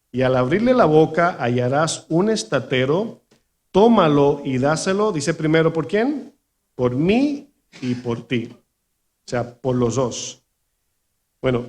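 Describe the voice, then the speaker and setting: A male pastor giving a sermon to his congregation. He tells a personal story, acts out the people he quotes and keeps asking his listeners questions. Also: fairly high pitch. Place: church in New York.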